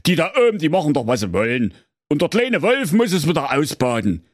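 A lazy, complaining wolf, voiced by a man grumbles in a broad Saxon accent in a comic audio fairy tale. His voice is pitched up and swings widely, and the recording is dry and close. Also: sing-song, brisk, no room sound. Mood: grumbling.

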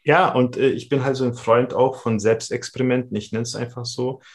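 A man talking as a podcast guest, animated and quick in bursts, in casual conversation. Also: medium pitch.

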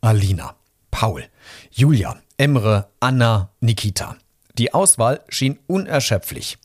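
A man hosting a podcast, reading a children's book aloud in a friendly, lively storytelling manner. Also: mid-range voice, slow, no room sound, clean studio sound.

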